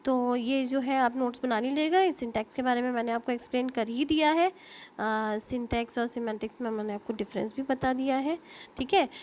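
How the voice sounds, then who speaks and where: An Indian woman teaches an online linguistics class through a computer mic. Her voice sits a little high, and she explains step by step with fillers and self-corrections. She checks in with "okay?" as she goes, over a faint background hiss. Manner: explains in Hindi mixed with English terms, frequent fillers and self-corrections. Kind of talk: online lecture.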